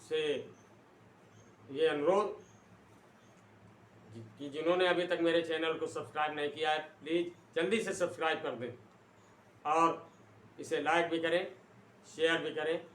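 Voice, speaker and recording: Slow, deliberate man teaching grammar. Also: on the high side, steady tone, fairly bright tone. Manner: repeats each term slowly, checks in with "ठीक है?". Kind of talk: slow classroom explanation. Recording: echoey room, distant mic, faint noise.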